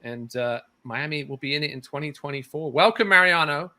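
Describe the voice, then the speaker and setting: A man's voice: fairly high pitch, a little fast, sharp tone. A man hosting a casual rugby talk show, chatty and rambling, with lots of restarts. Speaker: podcast host.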